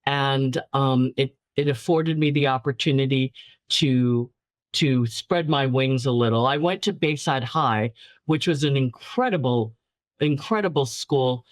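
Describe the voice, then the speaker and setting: Her very deep voice moves unhurriedly over a dry recording as she tells stories in a casual interview. She is a guest filmmaker from New York City, Chinese being her first language, warm in manner, repeating words for emphasis and laughing lightly.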